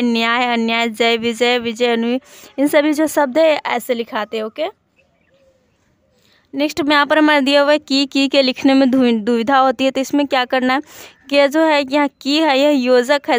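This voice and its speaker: High, smooth-voiced woman teaching Hindi spelling. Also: no echo. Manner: explains step by step, listing word examples with many fillers. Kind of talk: online exam-prep lesson.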